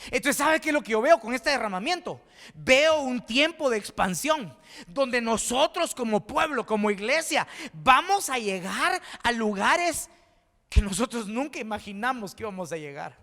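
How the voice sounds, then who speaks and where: Guy pastor preaching, fervent, repeats himself, tense bright voice, echoey hall. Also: very high voice, very animated, moderate pace. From Guatemala. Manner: fervent, repeats words and restarts, rising to exclaim. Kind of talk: sermon. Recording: reverberant hall.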